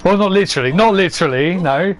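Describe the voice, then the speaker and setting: A young male streamer gives rambling, casual commentary to his chat while he plays, speaking quickly in a high voice. He laughs often at his own jokes and sounds a little hoarse from losing his voice, with a little hiss or hum in the audio.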